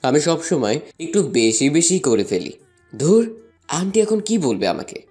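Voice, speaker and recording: A man's voice: fairly high pitch, sing-song, unhurried, darkish tone, soft background music. A young man narrating a first-person love story and voicing a playful, teasing student in an audio drama. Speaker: narrator and lead voice actor.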